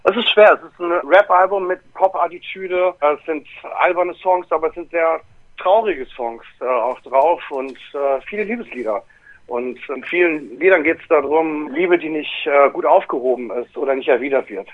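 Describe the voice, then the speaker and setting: A middle-aged man, a club owner and rapper, answering interview questions over the phone in a relaxed way, with many hesitations and fillers. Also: fairly high pitch, moderate pace. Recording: tinny phone line.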